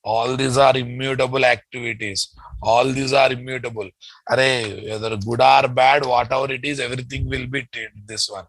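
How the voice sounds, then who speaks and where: Male tech trainer, Telugu Indian accent. Deliberate, repetitive delivery, slightly husky, close dry sound. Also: mid-range voice, fairly even intonation, a bit bright, no room sound, poor audio. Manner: repetitive, often addressing students as "guys". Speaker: software trainer. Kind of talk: live technical lecture, drawing and explaining step by step.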